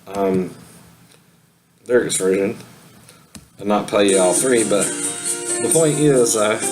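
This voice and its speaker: A singing teacher gives a casual spoken lesson, his voice fairly low and slow against loud music on a low-quality recording. He rambles, laughs a lot, and keeps asking "right?" to make sure the listener is following.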